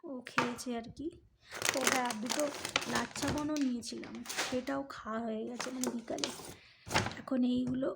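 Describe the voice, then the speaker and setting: A middle-aged woman chatting softly and rambling through a grocery haul at home at night, talking into a bluetooth earpiece. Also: high-pitched, steady tone, normal speed, gravelly, heavy background noise. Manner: soft-spoken, rambling, chatty asides. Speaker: home vlogger. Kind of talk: casual grocery haul chat. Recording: echoey room.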